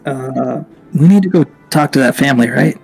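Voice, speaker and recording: A man playing in a tabletop game, easygoing and quick to laugh. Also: mid-range voice, creaky, darkish tone, husky, faint music behind. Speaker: player. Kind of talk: casual tabletop banter.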